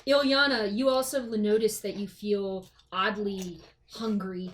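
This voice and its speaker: A woman game master improvising tabletop game narration in a halting, informal way. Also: mid-range voice, steady tone.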